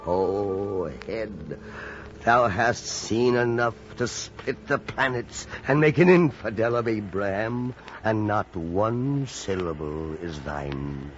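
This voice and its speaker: An actor playing a brooding, tyrannical old whaling captain with grand, archaic declamation in an old-time radio drama. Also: male voice, lowish voice, expressive, takes it slowly, slight background noise. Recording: dull vintage radio recording, music behind.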